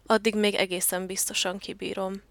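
A woman's voice: medium pitch, flat delivery, no echo, close to an everyday voice. A woman reading the lines of Gertrud, a fussy, hard-to-please female turtle dove who is looking for a home, in a storybook voice. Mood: tired.

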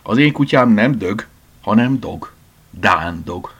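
A man playing a polite, formal older gentleman with gray hair in a storybook. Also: deep voice, big pitch swings, husky, exaggerated voice. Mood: correcting. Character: courtly gray-haired older gentleman with a deep voice.

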